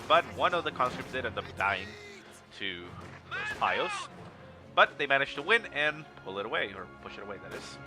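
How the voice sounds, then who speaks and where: A man with a nasal, congested voice, sick with a stuffy nose, commentating on a strategy game match in a casual, explanatory way. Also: medium pitch. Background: video game battle sounds and music.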